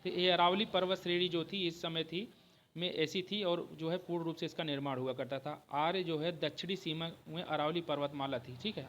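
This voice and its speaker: A man's voice: on the high side, a bit bright, a little hiss or hum. A man teaching an exam-prep history lecture, explaining step by step and often checking in with his students. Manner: repeats "ठीक है" often, explains slowly with restarts.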